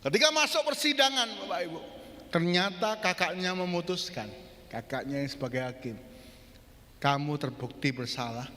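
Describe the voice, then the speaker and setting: A male pastor telling a story in a sermon, animated and often addressing his congregation. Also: high-pitched, fairly quick, in a large hall. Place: church in Surabaya.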